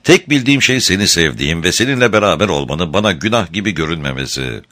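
An earnest young warrior in love from a storybook, husky and devoted, as a man reads him. The voice is very deep and bright, with lively, rising and falling pitch. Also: fast talker. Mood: ardent.

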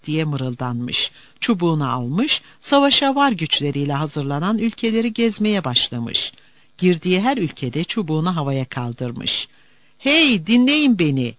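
A man narrating a storybook tale in an expressive way. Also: on the high side, moderate pace, no room sound. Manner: expressive, animated.

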